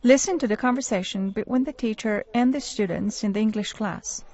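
A woman voicing a patient female English teacher in a scripted textbook audio dialogue, explaining calmly and clearly. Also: medium pitch, lightly acted. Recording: dull lo-fi audio with faint hiss.

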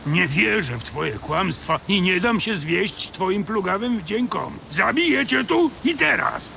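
An actor playing a zealous, indignant monster slayer in a video game, speaking in a dramatic, accusing way. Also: male voice, high voice, animated, measured pace, creaky, pushed and bright, a little hiss or hum, full character voice. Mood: righteous anger.

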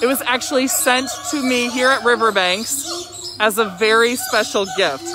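A woman hosting a live zoo show in an excited, chatty way, her voice slightly muffled through a face mask. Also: fairly high pitch, normal speed, music in the background. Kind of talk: upbeat live-stream presenting. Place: outdoor zoo by a lorikeet aviary. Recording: very noisy aviary, loud bird and animal calls. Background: loud bird calls and chirping.

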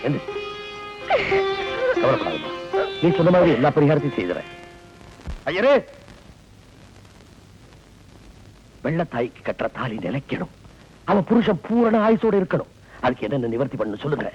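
An actor playing a stern, proud old village patriarch who booms out commands and turns gentle. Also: male voice, big pitch swings, fairly quick, long pauses. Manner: booming and commanding, softening to gentle. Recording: dull lo-fi film soundtrack with music.

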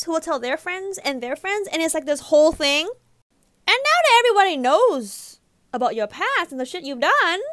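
A young woman doing comedic skits in an animated, brash way, swearing freely. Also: very high voice, dry recording. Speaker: comedy content creator.

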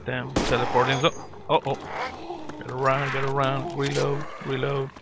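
A man's voice: medium pitch, completely flat delivery, moderate pace, very noisy. A man muttering terse commentary and curses at enemies while playing a game. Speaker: gamer. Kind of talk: gameplay commentary. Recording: loud gunfire behind the voice.

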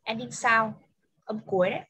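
A woman with a somewhat high, husky voice teaches English over a video call. She goes patiently, saying each word slowly and often twice so it can be written down, and moves back and forth between Vietnamese and English. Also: fairly even intonation, bright, forceful tone, poor audio. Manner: patient, repeats words slowly for dictation. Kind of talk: online English lesson mixing Vietnamese and English.

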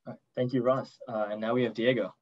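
A man's voice: medium pitch, level tone, fast. A man hosting a student club meeting over a video call, briefly introducing each speaker. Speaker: meeting host. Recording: dull distant video call audio.

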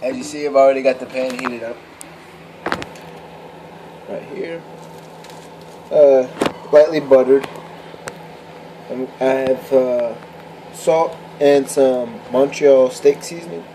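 A young man vlogging in his home kitchen, explaining his cooking step by step in a relaxed, matter-of-fact way with plenty of fillers. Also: mid-range voice, slow, long pauses, slight background noise, low-quality recording. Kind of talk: casual cooking vlog. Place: home kitchen indoors, then a car. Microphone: handheld camera close, at times set down.

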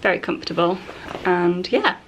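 A young woman talks her way through a try-on haul, rambling and casual, with plenty of "like" and "um". Her voice sits a little low. She is recorded from across the room, with a constant hiss underneath. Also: normal speed. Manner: chatty, rambling, filled with "like" and "um". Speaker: fashion vlogger. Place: home, indoors. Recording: distant camera mic with steady background noise.

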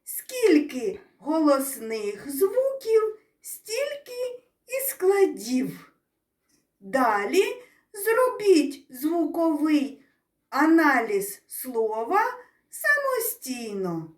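A kindergarten teacher speaks to small children in a high, sing-song voice that climbs and dips a great deal. She draws every word out very slowly. The sound is echoey and a little distant from the mic. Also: wildly swooping pitch. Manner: drawn-out, sing-song explaining, asking the children questions. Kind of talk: slow, clear teaching to young children.

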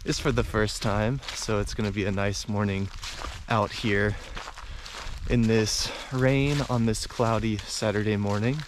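A man's voice: fairly low pitch, steady tone, unhurried, noisy background. A man narrating his hike outdoors on a rainy forest trail, casually explaining his route step by step. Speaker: hiking vlogger. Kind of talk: casual narration to camera while hiking.

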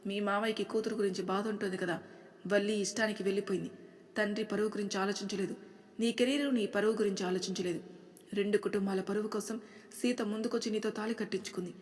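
A woman's voice: mid-range voice, steady tone, quick pace, in a large hall, lightly acted. A woman voicing a stern middle-aged father who lectures his son.

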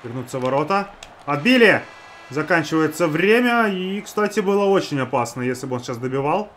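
A man casually commentates his own hockey video game, chatting to his teammates as he goes. His voice sits a little high, with faint game noise behind it. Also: expressive, a little fast, a bit bright. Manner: talks to teammates and himself.

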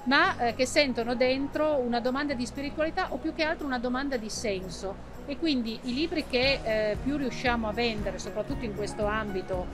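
Older female publisher, calm and reflective, slightly high voice over music. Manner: calm, slow, reflective with fillers. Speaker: publisher at a book fair stand. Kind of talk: interview answers. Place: indoor exhibition hall.

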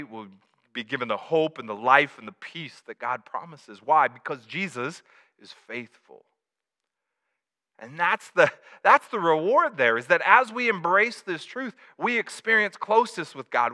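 A man pastor preaching a conversational sermon, swinging from loud emphatic build-ups to soft low confessions, with repeats and stumbles. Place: church livestream.

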